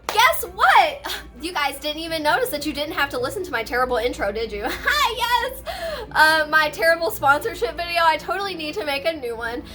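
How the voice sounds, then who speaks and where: A high-pitched woman hosts a casual haul vlog with hyped, announcer-like gushing. She is playful and sassy, rambling to her viewers over background music. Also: pushed and bright. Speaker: host of a personal video channel. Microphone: on camera with ring light.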